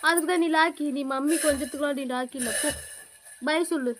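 A woman's voice: high voice, steady tone, fast talker, fairly bright tone. A young mother chatting with her toddler at home in a coaxing, sing-song way, sometimes playing at crying. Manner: coaxing, sing-song baby talk with playful mock crying. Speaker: mother and vlogger. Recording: noisy home phone recording.

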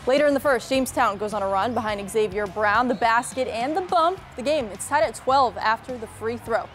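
A young woman sports reporter narrating high school basketball highlights in a punchy, upbeat scripted delivery from a TV news studio. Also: fairly quick, fairly bright tone, soft background music.

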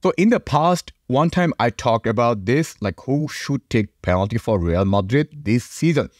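A man's voice: medium pitch, expressive, normal speed, darkish tone, no room sound. A young man hosting a fan channel, giving casual reaction commentary into a podcast mic in a small home studio. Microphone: podcast mic on a boom.

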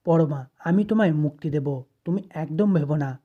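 A narrator reading the lines of a calm, self-sacrificing elder brother and husband in their own plain voice. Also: male voice, a little high, normal speed, highs cut off, natural voice. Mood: gentle. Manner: gentle, reassuring lines read plainly.

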